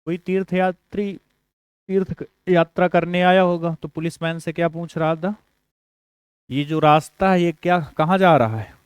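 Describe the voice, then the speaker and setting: A man's voice: fairly high pitch, fairly even intonation, normal speed, clear, resonant tone, dry recording. A man with a Hindi accent teaching English grammar for exams, explaining step by step, asking the class questions and dropping small jokes. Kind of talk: exam-prep grammar lesson.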